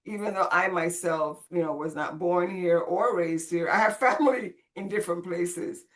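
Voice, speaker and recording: On a podcast, a woman describes her life in a conversational, expressive style, using a lowish, slightly bright voice at a moderate pace. She comes from the Caribbean: born on Saint Croix, raised in Puerto Rico with Spanish.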